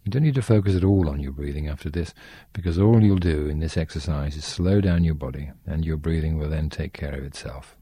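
A man guiding a sleep meditation in a slow, soft, soothing way. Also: rumbling low, breathy edge, no echo.

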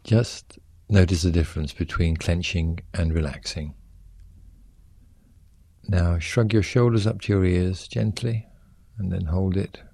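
A man leading a guided muscle relaxation exercise, giving gentle, soothing instructions in short, unhurried phrases. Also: deep voice, steady tone, vocal fry, no echo.

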